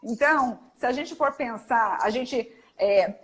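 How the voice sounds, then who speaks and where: A woman with a Brazilian accent, a doctor giving an animated, emphatic live talk. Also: on the high side, unhurried, heavy background noise. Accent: Brazilian Portuguese. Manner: energetic, emphatic, demonstrates tones of voice. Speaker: guest speaker, doctor.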